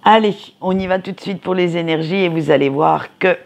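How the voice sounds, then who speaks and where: A card reader giving a weekly forecast to listeners, pausing often with fillers and restarting phrases, gently advising. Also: medium pitch, gravelly. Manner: hesitant, frequent fillers and restarts; gentle advice-giving, addresses listeners directly. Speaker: tarot and oracle card reader.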